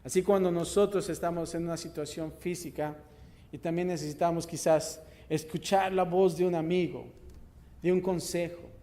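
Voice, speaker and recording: A male pastor preaching a sermon and reading scripture, swelling loud then dropping soft, with rhetorical questions to the congregation. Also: fairly high pitch, fairly even intonation, moderate pace, long reverb tail. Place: church sanctuary.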